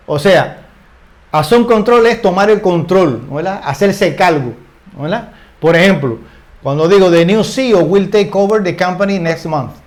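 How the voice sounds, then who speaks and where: High-voiced older man teaching casually. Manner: ends phrases with tag questions, repeats words while searching. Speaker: English teacher. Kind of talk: casual spoken grammar lesson.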